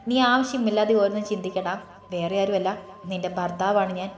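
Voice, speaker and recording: A woman's voice: mid-range voice, a little fast, natural voice. A woman reading as a protective young husband. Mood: caring. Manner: scolding then soothing. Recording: roomy echo.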